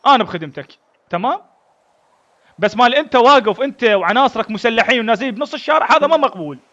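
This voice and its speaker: A man playing a fast, defiant Iraqi colonel. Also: extremely high pitch, animated, fairly bright tone, dull audio. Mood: furious. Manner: blunt, confrontational, barks commands. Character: defiant middle-aged male army colonel.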